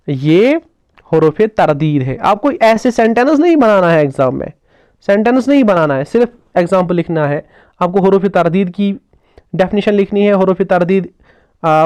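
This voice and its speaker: A man's voice: sits high, darkish tone, clean tone, no echo. A man teaching a grammar lesson for exams, asking questions and answering them himself, with English terms mixed into his explanations. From Jammu and Kashmir. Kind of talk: exam-focused grammar lesson.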